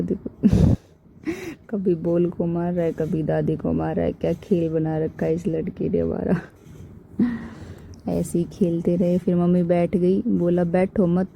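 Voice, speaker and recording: A woman narrates her family vlog in a chatty, amused way, often breaking into laughs. Her voice is low and gravelly. The voice-over sounds a little dull and lo-fi. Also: slight background noise. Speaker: vlogger narrating family clips.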